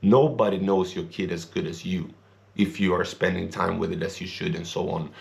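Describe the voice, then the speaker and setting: Raised guy vlogging his opinions, deep voice w/ lots of fry, earnest and rambly. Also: steady tone, moderate pace, a little mellow. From Sweden. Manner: earnest, rambling, non-native grammar. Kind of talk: casual opinion monologue.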